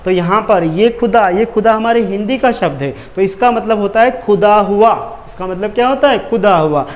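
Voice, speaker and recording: A man's voice: sits high, normal speed. A male teacher giving an exam-prep grammar lesson at a board, asking questions and answering them himself.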